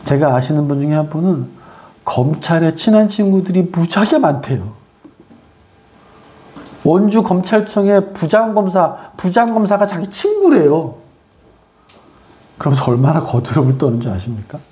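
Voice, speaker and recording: Preaching a sermon, a man fires rhetorical questions at the congregation and swings between loud exhortation and quiet asides. His medium-pitched voice moves through big pitch swings at a moderate pace, with long pauses.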